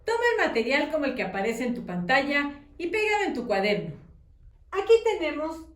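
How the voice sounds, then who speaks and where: A woman teacher giving a patient lesson to young children, dictating words slowly syllable by syllable and checking in with questions. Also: high voice, sing-song. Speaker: primary school teacher. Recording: echoey room, distant mic.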